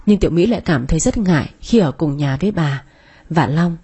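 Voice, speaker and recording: A woman, reading a story in a calm, measured way. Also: low voice, husky. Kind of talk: scripted narration.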